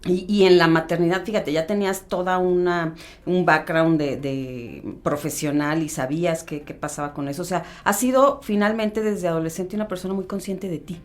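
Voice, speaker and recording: A woman's voice: fairly low pitch, fairly even intonation, moderate pace. A woman co-hosting a podcast, reflecting thoughtfully and posing rhetorical questions. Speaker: podcast co-host.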